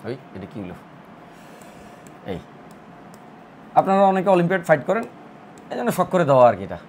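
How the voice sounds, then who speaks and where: Lively math teacher. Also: male voice, high voice, a little fast, background noise. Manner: explains step by step, repeating counts in rhythmic lists. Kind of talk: online admission-prep math lesson.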